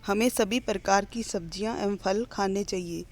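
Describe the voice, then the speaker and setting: Woman reading a school lesson aloud. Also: mid-range voice. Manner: slow, clear classroom reading with list-like pauses. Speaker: teacher.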